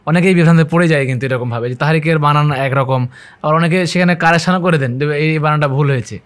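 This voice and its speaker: A man's voice: fairly high pitch, quick pace, smooth. A male talk-show host who speaks politely, often affirming and prompting his guest, and addresses the viewers. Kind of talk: hosting a live talk show.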